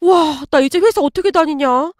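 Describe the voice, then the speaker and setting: A woman voicing a rash young male office worker who talks in loud, frantic disbelief. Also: high voice, moderate pace, no room sound, clean studio sound, close to an everyday voice. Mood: panicked disbelief. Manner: loud, shouting when drunk, frantic disbelief.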